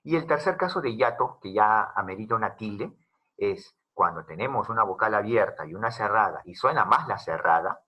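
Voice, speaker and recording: A man's voice: fairly low pitch, lively intonation, moderate pace, pushed and bright, breathy edge. A man teaching a grammar lesson, explaining step by step and asking questions to the class.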